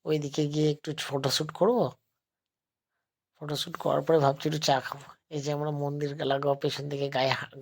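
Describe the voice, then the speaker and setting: Soft-spoken man, sore throat. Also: mid-range voice. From West Bengal, India. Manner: speaks slowly and softly, addressing viewers as friends. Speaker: travel vlogger. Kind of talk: casual vlog narration. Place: temple grounds. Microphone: phone held while filming.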